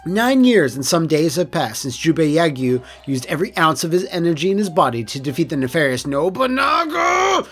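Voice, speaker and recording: A man giving casual, excitable and jokey gameplay commentary, swearing freely. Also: fairly high pitch, normal speed, hardly any pauses, breathy edge. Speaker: host of a video game playthrough. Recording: voice over game music. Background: game soundtrack music.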